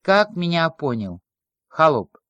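A man's voice: fairly high pitch, sing-song, slow pace, fairly bright tone, no room sound, highs cut off, exaggerated voice. Casting: female reader voicing an arrogant male hunter, scornful and commanding, with a dry close sound. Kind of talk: audiobook reading.

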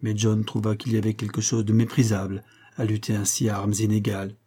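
A man narrating a classic novel in measured, scripted storytelling. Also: on the low side, monotone, mellow, husky. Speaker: audiobook narrator.

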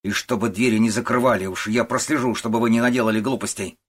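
A man with a husky voice voicing a harsh, scolding old working-class mother in an audiobook, shouting and contemptuous. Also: mid-range voice, fairly even intonation, quick pace, lightly acted. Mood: gruff. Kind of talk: audiobook character voice.

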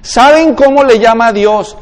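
High-voiced Mexican preacher, echoing hall. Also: male voice, a little slow. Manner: conversational, asks the congregation questions. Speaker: pastor. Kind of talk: expository sermon.

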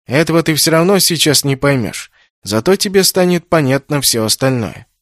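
A man's voice: a little high, animated, moderate pace, no room sound, voice pushed up, lightly acted. A man reading an audiobook voices a shapeshifting ageless being that speaks in teasing riddles, in a close, dry recording. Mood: riddling.

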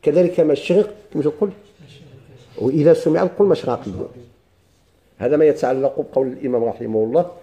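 Moroccan male teacher, slightly high but very mellow, dark voice, walks students through grammar and quizzes them as he goes. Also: brisk, pauses often. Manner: explains step by step, quizzing students with questions. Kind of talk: classical grammar lesson.

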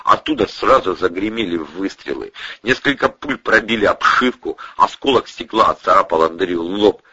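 A man with a husky voice narrating an audiobook expressively, voicing every character himself, in a dull, dry recording. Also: low-pitched, expressive, moderate pace, pushed and bright, no room sound.

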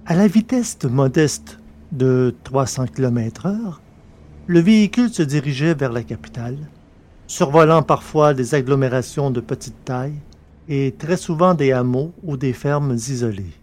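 A man narrates a science-fiction serial in a mid-pitched, slightly mellow voice. His measured, literary delivery sounds like scripted storytelling.

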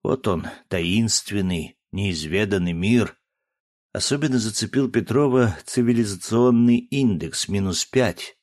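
A man reading a science fiction story as scripted narration, in a measured, expressive storytelling manner. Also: fairly low pitch. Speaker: audiobook narrator.

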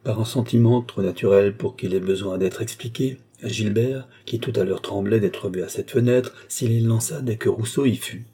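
A male audiobook narrator reads a classic novel in a measured storytelling manner. His voice is low and dark-toned, with a husky grain.

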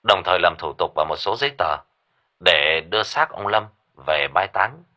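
A man narrating a story in an expressive, dramatic way. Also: low voice, moderate pace. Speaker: audiobook narrator. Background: faint music bed.

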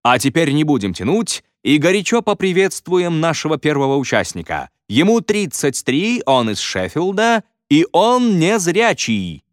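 A man voicing a showy male talent-show host with a drawn-out announcing delivery. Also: on the high side, big pitch swings, dry recording, clean studio sound, voice pushed up.

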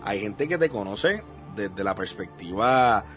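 A man's voice: lowish voice, lively intonation, slow pace, a bit bright. A man hosting an interview, asking long winding questions full of fillers and English words. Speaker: podcast host. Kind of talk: conversational interview. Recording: dull lo-fi sound with faint music.

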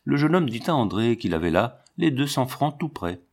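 A man narrating a classic storybook chapter in a measured, even reading style. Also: mid-range voice. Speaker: audiobook reader. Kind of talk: scripted narration.

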